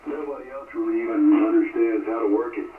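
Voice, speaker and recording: A man's voice: medium pitch, steady tone, fast, distant mic. A man chatting casually on the air as an amateur radio operator, heard through a mistuned ham radio receiver. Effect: mistuned ham radio receiver sound. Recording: tinny, noisy, echoey radio heard from off-mic.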